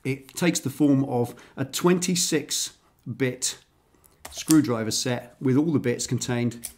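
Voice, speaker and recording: A man's voice: medium pitch, slow, darkish tone. A man hosting a casual garage vlog, chatty and enthusiastic, recorded on a standalone microphone. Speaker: channel host.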